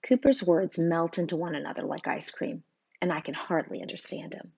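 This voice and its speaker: A woman narrating a first-person audiobook in an expressive, emotional way, voicing every character. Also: fairly low pitch, normal speed, creaky, husky, dull audio.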